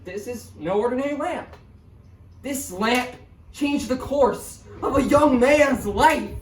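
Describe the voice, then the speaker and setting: A woman playing an eager, wheedling male merchant and storyteller in an amateur theatrical monologue. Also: high voice. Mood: mysterious storytelling. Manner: theatrical, salesman-like, dramatic pauses and exclamations. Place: outdoors. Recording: roomy, distant mic, noisy outdoor ambience.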